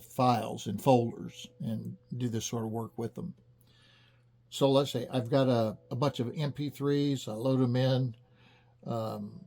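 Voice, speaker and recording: A man teaching how to use a music practice app, explaining in a relaxed, chatty way with small restarts. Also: mid-range voice. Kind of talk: casual tutorial demonstration. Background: faint banjo music playing from the app.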